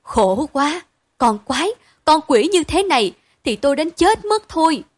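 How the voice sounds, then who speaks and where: A woman voicing a fretful, doting mother who pleads and wails loudly, in a storybook reading. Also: fairly high pitch, lively intonation, normal speed, no echo, close to an everyday voice. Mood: panicked. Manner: wailing, pleading, loud.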